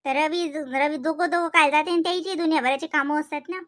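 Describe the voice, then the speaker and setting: A woman voicing a sharp-tongued village wife in a cartoon, with an indignant, scolding manner. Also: steady tone, fairly quick, dry recording, clean studio sound. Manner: scolding, indignant, high and shrill.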